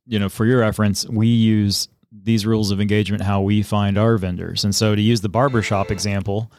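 Fairly low-voiced man chatting on a podcast. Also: level tone, a little fast, darkish tone, no echo. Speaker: podcast co-host. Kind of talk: casual conversational explaining. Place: podcast studio.

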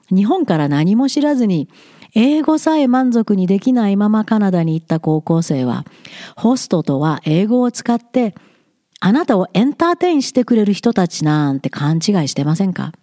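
A woman's voice: medium pitch, big pitch swings, moderate pace, warm tone, no room sound, clean studio sound. A woman commenting on study abroad in a frank, blunt, lightly teasing advice monologue.

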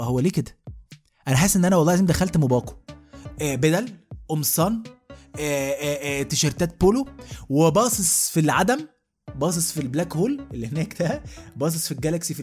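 An Egyptian man in his thirties delivering a comic rant as a podcast host, asking "you know what I mean" again and again. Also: high-pitched. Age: 30s. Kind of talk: comic monologue.

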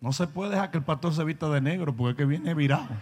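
Raspy, high-pitched preacher man in a hall. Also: fast talker, a little mellow. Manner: blunt, mocking, acts out quoted people in voices. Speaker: pastor. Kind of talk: confrontational sermon.

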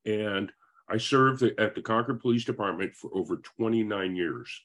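A man's voice: fairly low pitch, normal speed, a bit bright. A man in his fifties from Northern California, a guest telling his life story in a friendly, rambling way over a video call. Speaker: interview guest.

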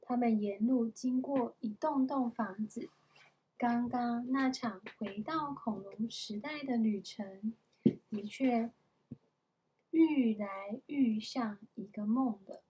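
A mother reading a storybook aloud to her young child at home, in a gentle, patient manner. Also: fairly high pitch, slow, dull audio, slight background noise.

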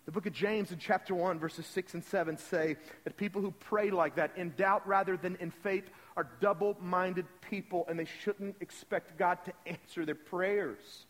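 A man with a high voice preaching a sermon in a church sanctuary, the long reverb of the big hall trailing after each phrase. He talks in a conversational, story-telling way and keeps asking the congregation direct questions. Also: a bit bright. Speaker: pastor.

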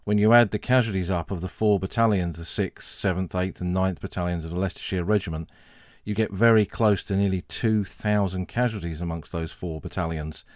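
A low-pitched man narrates military history for his podcast in a measured, earnest tone. His voice is close and dry, with no room sound around it. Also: darkish tone, dry recording.

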